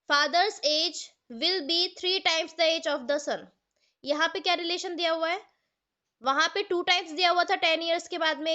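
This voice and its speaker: A woman's voice: extremely high pitch, bright, forceful tone. A woman with an Indian accent teaching a maths class online, explaining step by step and asking the students questions. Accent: Indian English. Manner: explains step by step, asks the students questions, mixes Hindi and English. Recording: dull lo-fi online class audio.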